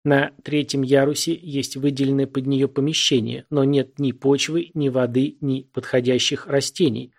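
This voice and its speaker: A man voicing a teasing male ship AI hologram in an audiobook, slow and dry. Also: mid-range voice, flat delivery, close to an everyday voice. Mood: matter-of-fact.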